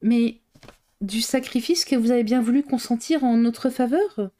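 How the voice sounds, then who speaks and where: A woman reading aloud voices a cheerful, spontaneous young woman. Her lines are pitched above the reader's own voice and have a bright, lively ring. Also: normal speed, natural voice.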